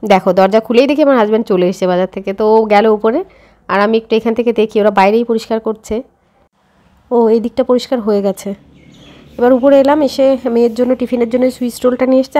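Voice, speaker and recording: A woman's voice: fairly high pitch, mellow. A woman, chatting directly to viewers in a casual daily vlog. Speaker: vlogger.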